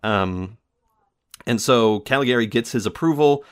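A man's voice: mid-range voice, measured pace, clear, resonant tone. A man hosting a casual film review show, rambling with many fillers and self-corrections and laughing often.

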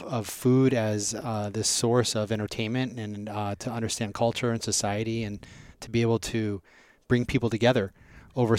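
A restaurant group president from Southern California, raised in Las Vegas, answers interview questions in a measured way, often restarting. His pitch is fairly low and there's no room sound.

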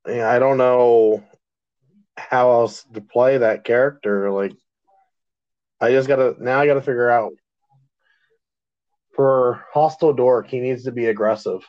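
A man co-hosting a podcast in casual chat, relaxed and laughing often, drawing out some phrases. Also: mid-range voice, no room sound. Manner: laid-back, laughs often, drawn-out phrasing. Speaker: podcast co-host. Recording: dull lo-fi sound.

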